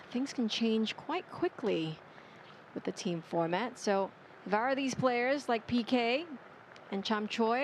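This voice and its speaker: A woman's voice: mid-range voice, slight background noise. A woman giving live golf analysis as a co-commentator.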